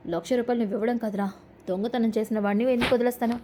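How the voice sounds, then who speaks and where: A woman voicing a loud scolding mother-in-law. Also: a little high, fairly even intonation, rapid-fire, a little hiss or hum, close to an everyday voice. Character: angry domineering middle-aged mother-in-law.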